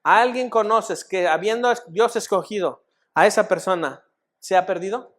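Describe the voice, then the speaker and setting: Mexican pastor preaching with loud-soft swings. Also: male voice, high-pitched. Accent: Mexican Spanish. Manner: preaching, rising loud then dropping to soft; asks the congregation many questions. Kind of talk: sermon. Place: church sanctuary.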